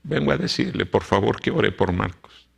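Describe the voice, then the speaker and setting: A man voicing a worried churchgoing mother who asks her pastor for prayer, in a soft, hushed voice. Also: lowish voice, normal speed, gravelly, breathy edge, voice pushed down, heavily acted.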